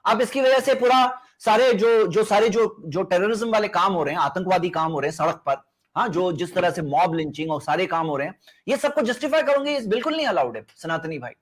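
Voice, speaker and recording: Man, high voice, debate host, insistent, repeats rhetorical questions. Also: expressive. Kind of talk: heated live debate.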